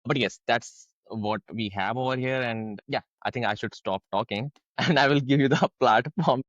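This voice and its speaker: A man's voice: medium pitch, moderate pace, a bit bright, no room sound. Young man from India, podcast host, hesitant rambling chat, dry muffled call audio. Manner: rambling, hesitant, many restarts. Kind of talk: casual interview chat.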